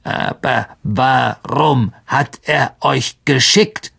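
Man voicing an old blind giant spider, irritable, husky, very slow delivery. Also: mid-range voice, fairly bright tone, heavily acted. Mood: wary. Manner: drawn-out, slow, raised voice.

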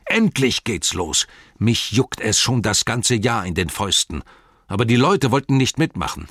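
A man voicing a blunt, hearty older farmer eager for a fight, speaking loudly in a raised voice. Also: lowish voice, big pitch swings, moderate pace, slightly rough, dry recording, clean studio sound, voice pushed up, exaggerated voice.

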